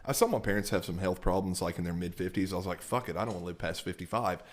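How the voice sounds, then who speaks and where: A man's voice: sits low, fast. A man, co-hosting a podcast with self-deprecating, profane jokes. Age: 40s. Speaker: podcast co-host. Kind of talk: casual podcast banter.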